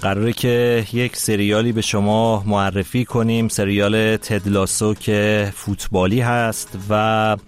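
A male talk show host with a low voice asks friendly, welcoming questions. Faint music plays beneath his words. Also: level tone, hardly any pauses.

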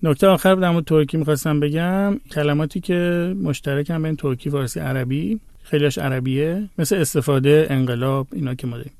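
A man's voice: fairly high pitch, few pauses, darkish tone, no echo. A man whose first language is Azerbaijani Turkish, a guest in a conversation, patiently explaining and giving many spoken examples.

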